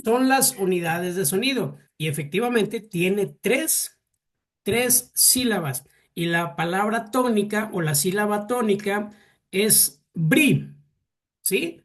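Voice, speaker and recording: A man's voice: high-pitched, expressive, slow pace. A man with a Mexican accent teaching a classroom lesson, stopping often to restart words and quizzing his students. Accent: Mexican Spanish.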